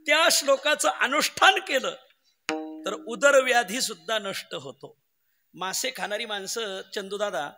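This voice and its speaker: A man's voice: high voice, vocal fry, bright, forceful tone, long reverb tail. A man preaching a devotional kirtan sermon, telling stories with humour and chanting verses.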